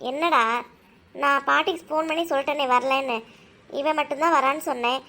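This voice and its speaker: A woman's voice: high voice, fairly even intonation, fairly quick, pushed and bright. A woman voicing a patient mother who explains things to her children in a cartoon. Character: patient mother of two kids.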